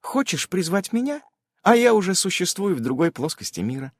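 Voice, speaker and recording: A man voicing a chirpy young female magic companion with a squeaky, bubbly voice in an audiobook. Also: very animated, fairly quick, dry recording, clean studio sound, exaggerated voice. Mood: explaining. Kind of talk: audiobook character voice.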